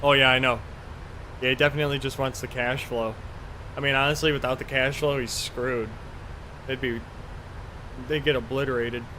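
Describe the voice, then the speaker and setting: While live streaming a flight simulator, a man talks at normal speed with long pauses, rambling offhandedly and swearing mildly now and then. His voice is average in pitch, and the rough recording carries a faint, steady airy hum like a cabin.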